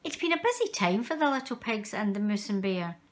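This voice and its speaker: A woman speaking at medium pitch reads aloud from a children's picture book. Her pace is measured and her tone expressive, with dramatic touches meant to engage young listeners.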